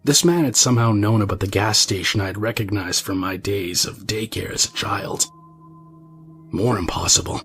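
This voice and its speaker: A man reading a horror story aloud in a measured, ominous manner. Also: on the low side, a bit bright. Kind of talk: scripted horror narration.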